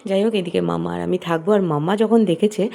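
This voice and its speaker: Soft-spoken Bengali-accented woman with gravelly fry. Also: on the low side, fast talker. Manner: soft-spoken, chatty narration. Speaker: vlogger mother. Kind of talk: voice-over narration.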